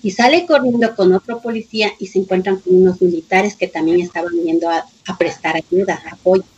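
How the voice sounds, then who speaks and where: A woman's voice: on the low side, brisk, a little mellow, slightly rough, dull audio. A middle-aged woman, a mother giving personal testimony in an interview and reenacting conversations with her son. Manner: emotional storytelling, reenacting dialogue, repeating phrases. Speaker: grieving mother of a police officer.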